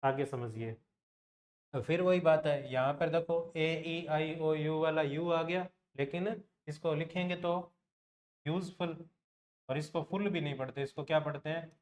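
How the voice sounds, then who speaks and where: A man's voice: on the high side, fairly even intonation. Man teaching, asking and answering himself. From Rajasthan, India. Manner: repeats questions to the class and answers them; slows down to spell out and sound out example words. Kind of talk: exam-prep grammar lesson.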